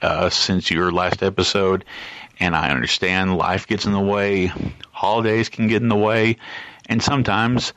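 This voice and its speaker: A man leaving a voice message for a podcast, polite and measured, with frequent "uh" fillers, heard as a recorded message played back. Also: sits low, little pitch movement, a bit bright, no room sound. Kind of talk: casual spoken message. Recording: dull lo-fi voicemail audio.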